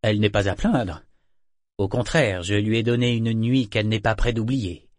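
A man plays a cocky pirate captain, cool and self-satisfied. The voice sits lowish and clipped. It is recorded dry and close. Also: moderate pace, no echo, lightly acted. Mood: smug.

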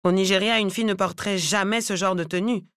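A woman's voice: medium pitch, steady tone, quick pace, a bit bright, no room sound, studio quality, close to an everyday voice. A woman reading the part of a pompous, self-important middle-aged man in an audiobook, in a lecturing, self-satisfied manner.

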